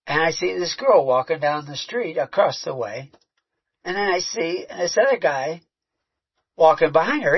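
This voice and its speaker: A man's voice: on the high side, slightly rough. A man preaching a sermon, mixing scripture with a conversational personal story and frequent restarts. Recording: muffled, lo-fi recording.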